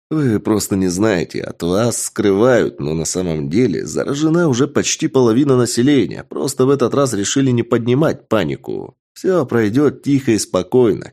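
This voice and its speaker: A man voicing a brazen, excitable young male suspect who talks in a cheeky, mock-earnest way in an audiobook. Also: fairly low pitch. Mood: conspiratorial. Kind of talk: audiobook character voice.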